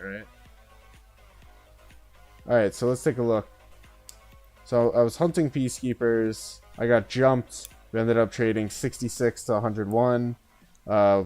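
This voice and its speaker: A man's voice: on the low side, darkish tone, clear, resonant tone. A man giving casual live commentary as he streams a game, thinking aloud and often tagging on "uh" and "right?".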